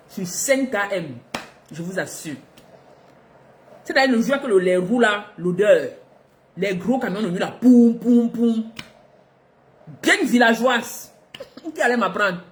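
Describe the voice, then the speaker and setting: A middle-aged woman from Africa, telling a personal story to her viewers in a lively, expressive way, laughing between lines. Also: medium pitch, unhurried, long pauses, a little hiss or hum. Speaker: vlogger.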